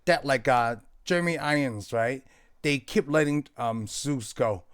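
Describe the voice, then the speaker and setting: A man's voice: medium pitch, measured pace, fairly bright tone, clean tone. A man co-hosting a casual film discussion, asking questions tentatively and often checking for agreement. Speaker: movie podcast co-host.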